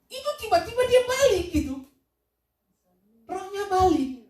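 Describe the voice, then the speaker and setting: A man preaching a sermon as pastor, telling a story with lively repeated phrases and sudden loud questions. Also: very high-pitched, unhurried. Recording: echoey room, voice from a distance.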